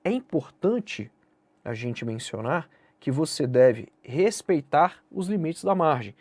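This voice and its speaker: Lively Brazilian man teaching exam rules. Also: on the high side, takes it slowly, dry recording. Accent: Brazilian Portuguese. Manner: direct, addresses viewer casually, asks and answers own questions. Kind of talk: online lesson explaining essay grading.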